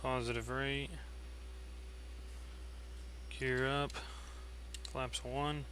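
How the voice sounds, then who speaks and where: A man speaks into a headset mic in clipped pilot phraseology, reading back clearances and calling out each takeoff step. His delivery stays level and flat, and his tone is bright and forward. The words come out as short, businesslike cockpit callouts. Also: mid-range voice, very slow, slight background noise. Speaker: flight sim streamer flying as pilot.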